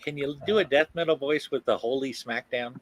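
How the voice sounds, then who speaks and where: A man's voice: medium pitch, brisk. A man playing a tabletop game, joking and giggling with the table. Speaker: player. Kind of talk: casual game banter.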